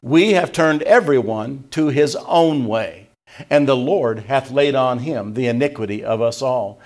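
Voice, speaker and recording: An older male pastor delivers a sermon in a gravelly voice, his pitch sitting in the middle range for a man. He preaches with emphatic pushes that drop into quiet, hushed asides, and he quotes scripture in old-fashioned wording. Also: unhurried. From Tennessee, USA.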